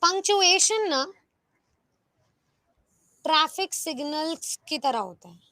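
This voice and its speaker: A young woman teaching an online exam-prep class in a lively, coaxing way, often asking her students rhetorical questions. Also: high-pitched, slow, no echo. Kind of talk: live online class, Hindi mixed with English.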